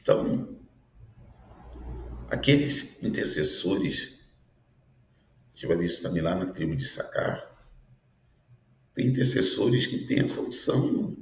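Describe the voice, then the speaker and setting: A man's voice: low-pitched, lively intonation, measured pace, vocal fry, long pauses, echoey room, slight background noise. A man in his fifties, a pastor, teaching a prophetic sermon in an earnest style, often checking in with his listeners. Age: 50s. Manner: earnest preaching with frequent tag questions.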